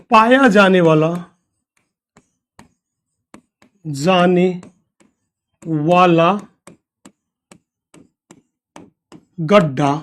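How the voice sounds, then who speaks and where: A male teacher from India gives a drawn-out lecture. He speaks slowly, repeats each key term, and puts questions to the class that he answers himself. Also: very high voice. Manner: slow, repeats key terms, asks questions and answers them.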